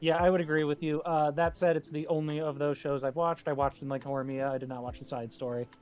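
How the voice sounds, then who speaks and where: A man's voice: a little high, level tone, fast, darkish tone, clean tone. A man calling into a casual podcast chat over a headset, polite and easygoing. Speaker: guest caller. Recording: lo-fi headset audio.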